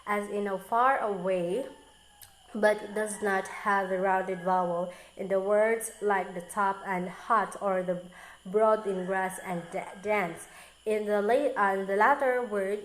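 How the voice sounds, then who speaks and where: A woman student reading a recorded class presentation aloud, careful and halting, often restarting on difficult words. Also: medium pitch, fairly even intonation, echoey room, slight background noise, rough recording.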